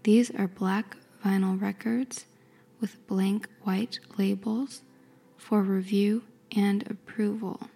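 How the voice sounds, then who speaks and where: A woman whispering softly and carefully, describing and reading aloud in an ASMR style. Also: mid-range voice, flat delivery, creaky, husky. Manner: soft, slow, careful whisper. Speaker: ASMR creator.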